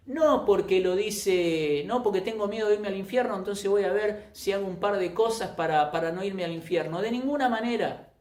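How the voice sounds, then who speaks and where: Emphatic preacher in an echoey room. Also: male voice. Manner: emphatic, with sudden rises in pitch and loudness; repeats and restarts phrases. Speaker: pastor. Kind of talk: sermon.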